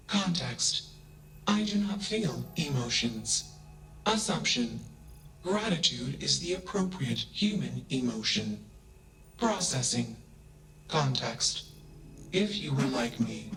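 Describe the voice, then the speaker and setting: Slow, stilted logical robot. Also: male voice, mid-range voice, gravelly. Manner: stilted, announces each statement type. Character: damaged logical robot learning human friendship. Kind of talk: video game character dialogue.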